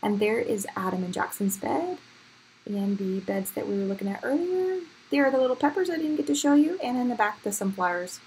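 Her medium-pitched voice is sing-song, brisk and a little mellow as she leads an upbeat, chatty tour of her backyard garden at evening for her home gardening vlog. She addresses viewers through a handheld camera or phone; the poor outdoor audio carries background noise and a faint ambient hum.

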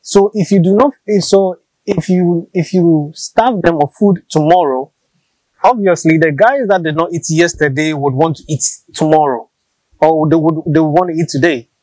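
Speaking at normal speed in a slightly high, slightly mellow voice, a Ghanaian-accented man in his thirties describes how he farms snails. The recording is dry and poor in quality, made on a lapel mic under an open-sided shelter outdoors. His manner is practical and patient, with frequent repeated words.

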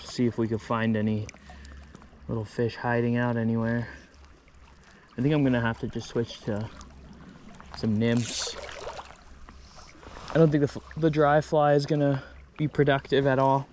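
A relaxed young man talks to his camera outdoors in an easygoing, chatty way. He pokes fun at himself now and then, with a mid-range voice. A faint hiss sits under the camera sound. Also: mid-range voice, normal speed, long pauses. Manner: relaxed, chatty, self-deprecating. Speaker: vlogger. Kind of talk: casual outdoor vlog narration. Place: outdoors by a river in a forest. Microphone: action camera, handheld or chest-mounted.

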